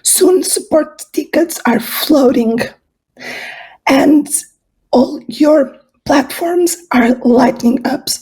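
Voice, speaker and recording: A hoarse, husky woman gives an earnest conference talk, telling it like a story. Her voice sits high but has a mellow, soft tone. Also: extremely slow. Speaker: conference speaker.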